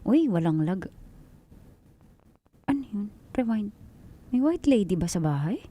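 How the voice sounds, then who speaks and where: A woman's voice: mid-range voice, sing-song, measured pace, dark tone, voice pushed down. A woman radio DJ playing a jealous young wife in a comedic radio skit, with accusing outbursts and pop music underneath. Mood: puzzled muttering. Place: radio studio. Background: background pop music.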